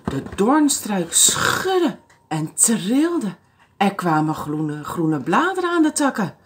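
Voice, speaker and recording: A woman librarian reading a picture book aloud to toddlers in an animated, sing-song way. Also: mid-range voice, slow, husky. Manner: animated, sing-song, speaks to small children.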